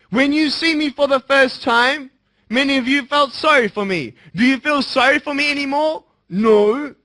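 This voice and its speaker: A young man giving an emphatic motivational speech to students, swinging between bold declarations and hushed, earnest appeals. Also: extremely high pitch. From Australia. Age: young adult. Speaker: motivational speaker.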